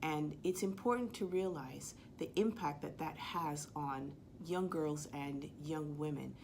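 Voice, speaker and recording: A woman from Jamaica with a Jamaican accent, telling a personal history story in an earnest, measured way with the odd filler. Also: sits low, a little mellow, slight background noise. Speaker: sport leadership speaker.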